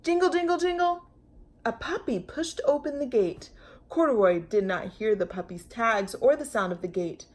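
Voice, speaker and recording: In a slightly high voice, a female storytime host brings a picture book to life for children, stretching words, narrating with expression and adding playful sounds.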